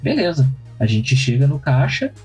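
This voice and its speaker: Husky man, relaxed storyteller. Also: medium pitch, moderate pace, faint music behind, rough recording. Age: young adult. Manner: storytelling, reasoning out loud. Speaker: podcast co-host. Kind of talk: casual chat.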